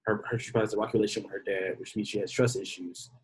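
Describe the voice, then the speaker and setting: A man in his twenties, a podcast guest in casual chat, laid-back and slangy and quick to poke fun at himself. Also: fairly low pitch, steady tone, low-quality recording. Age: 20s.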